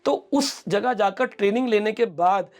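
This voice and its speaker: The same kind of interview finds the middle-aged spiritual speaker at normal speed, his high voice carrying a darkish tone. He illustrates scripture through storytelling, acting out quotes and dropping in English.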